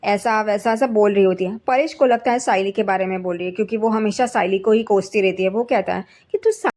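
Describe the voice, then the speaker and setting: A woman's voice: steady tone, fairly quick, a little mellow. A woman casually narrating an episode recap in a conversational way. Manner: conversational, reads characters' quotes with slightly raised pitch. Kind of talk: casual spoken retelling of a TV serial episode.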